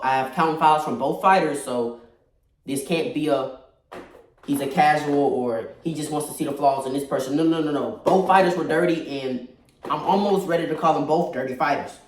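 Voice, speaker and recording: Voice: medium pitch, normal speed, a little hiss or hum. A person giving casual, opinionated fight analysis, stressing and repeating points, recorded in a very echoey space away from the mic. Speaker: combat sports commentator. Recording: very echoey room, distant mic.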